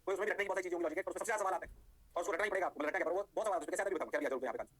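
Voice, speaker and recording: A man teaching an energetic exam-prep lecture. He keeps checking whether students understood, mixes English technical phrases into his speech, and playfully mimics students' eager replies. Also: sits high, rapid-fire.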